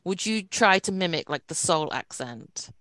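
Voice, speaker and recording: A woman's voice: fairly low pitch, lively intonation, moderate pace, a bit bright, no echo. A woman from the UK hosting a podcast, chatty and rambling with frequent fillers. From United Kingdom. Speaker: podcast host. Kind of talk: casual podcast chat.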